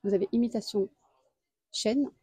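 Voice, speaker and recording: A woman, a deal-hunting vlogger, walks through a store aisle and lists prices and sizes. She speaks in a chatty way and pauses often. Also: on the high side, warm tone, a little hiss or hum. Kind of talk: casual store walkthrough. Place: home improvement store aisle.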